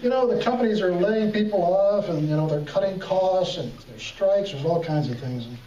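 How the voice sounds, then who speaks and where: A man's voice: high-pitched, expressive, normal speed. A man doing comedy magic patter like a kids party magician and emcee, playfully coaxing the audience to respond. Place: echoey hall, talent show stage. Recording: echoey hall from far off, muffled, music and crowd.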